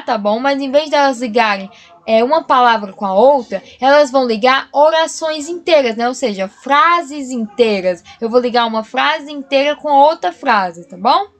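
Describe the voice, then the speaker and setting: In a recorded grammar lesson, a high-voiced woman teaches patiently, covering one point at a time and checking in with her class frequently.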